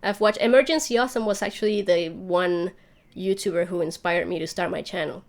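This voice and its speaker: Her voice sits fairly low and moves a little quickly. She hosts a YouTube livestream, casually fielding questions from viewers and wandering off as she thinks aloud.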